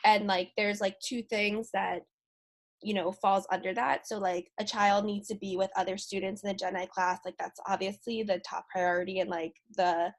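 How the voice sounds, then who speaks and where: An American special education teacher from the United States chats casually, her medium-pitched voice moving at a normal speed. She keeps a flat, even tone and scatters "like" throughout her speech.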